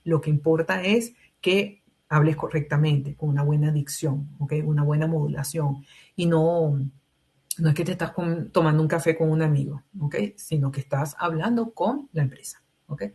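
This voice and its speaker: A woman's voice: deep voice, normal speed, dark tone. A Venezuelan woman presenting a live webinar on job interviews, explaining step by step and often checking in with "ok?", heard over a video call mic. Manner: explanatory, frequent "¿ok?" check-ins. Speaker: webinar presenter, recruitment trainer.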